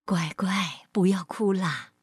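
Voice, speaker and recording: A woman doing a gentle mother mouse. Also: a little high, sing-song, drawn-out words, no echo, studio quality, exaggerated voice. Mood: soothing.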